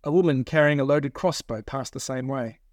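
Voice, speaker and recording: A man's voice: medium pitch, no echo. Man reading his own novel, dry studio. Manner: steady, measured storytelling. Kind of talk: first-person audiobook narration.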